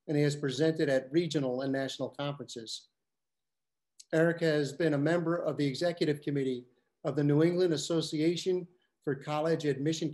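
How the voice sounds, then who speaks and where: A man's voice: on the high side, a little mellow. A man hosting an online event, reading formal introductions of the panelists.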